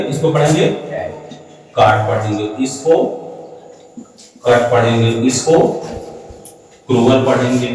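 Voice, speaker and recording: A man's voice: mid-range voice, a little mellow. A man teaching spoken English, who repeats each word again and again and keeps asking the class questions. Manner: repeats words over and over, asks the class rhetorical questions. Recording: echoey hall, voice from far off.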